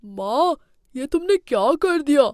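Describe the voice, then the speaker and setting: A woman's voice: sits high, very animated, measured pace, a little mellow, slight background noise. A woman voicing a young husband who firmly backs his mother in a cartoon story. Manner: firm, reproachful.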